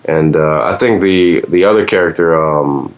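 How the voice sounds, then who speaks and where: Laid-back deep-voiced voice actor. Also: male voice, moderate pace, dull audio. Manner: laid-back, rambling with many fillers. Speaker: voice actor, guest. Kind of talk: casual interview.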